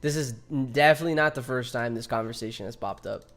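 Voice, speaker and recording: A man's voice: mid-range voice, fast talker, a bit bright. A man in his twenties streaming a game, chatting casually and joking with viewers, swearing often. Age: 20s. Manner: laid-back, joking with chat, swears often. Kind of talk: casual live-stream chat.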